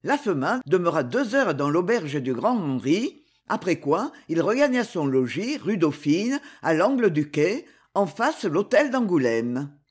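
A man's voice: high voice, sing-song, unhurried, few pauses, breathy edge. A man narrating a historical adventure novel in a dramatic, theatrical way.

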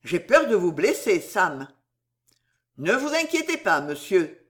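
A woman reading aloud, voicing a brisk, shrewd young manservant who gives urgent, sharp warnings. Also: lowish voice, very animated.

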